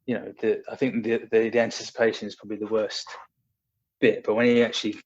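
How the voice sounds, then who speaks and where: A young man with a low-side voice speaks at a quick pace and with flat delivery, telling casual stories as a podcast guest. He's a personal trainer who hesitates, using lots of fillers and restarts, and the dull lo-fi audio has a little hiss or hum.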